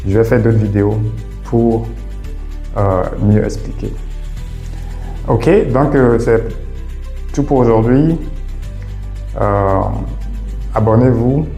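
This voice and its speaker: Guy explaining test choices, lowish mellow voice, slow and repetitive, lots of ums, echoey room with faint music. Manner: unhurried, repeats key points, many fillers. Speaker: English test advisor. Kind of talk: casual video lesson.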